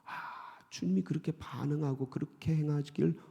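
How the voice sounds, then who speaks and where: A pastor preaching a dawn sermon, animated, acting out prayers and little dialogues. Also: male voice, on the high side, a little fast, gravelly, dull audio. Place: church sanctuary. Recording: long reverb of a church hall.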